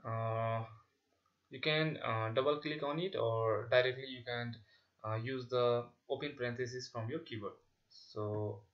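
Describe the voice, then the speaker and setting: Male tutorial instructor, slow delivery, dictating in short halting phrases, dull lo-fi screen-recording voice-over. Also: medium pitch. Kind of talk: step-by-step software tutorial narration. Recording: dull, lo-fi sound with clicking.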